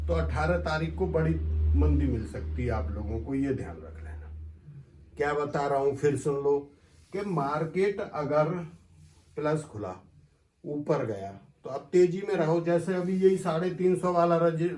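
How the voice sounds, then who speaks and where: Man, instructive casual talk, slightly high voice, echoey room, distant mic. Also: darkish tone. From India. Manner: direct, instructive, addresses viewers familiarly. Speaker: astrologer giving market analysis. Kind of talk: casual explanatory talk to viewers.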